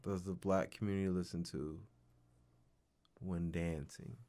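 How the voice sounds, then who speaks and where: A man's voice: deep voice, fairly even intonation, unhurried, warm tone. Teasing man quizzing his co-host. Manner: teasing, playful questioning. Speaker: podcast co-host asking questions. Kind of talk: casual chat.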